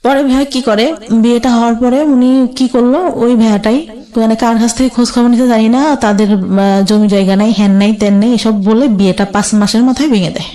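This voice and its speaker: Here a woman's fairly high, mellow voice moves at a fairly quick clip with fairly even intonation. She has a Bangladeshi accent and, as a guest in conversation, recounts her life story casually, repeating who said what in quoted exchanges.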